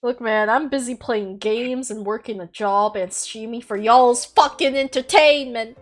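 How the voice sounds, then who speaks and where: A young woman hosts a casual podcast chat in a fairly high voice, speaking a little slowly over soft background music. She's a podcaster and streamer who is blunt and giggly, swears freely, and rambles with frequent restarts.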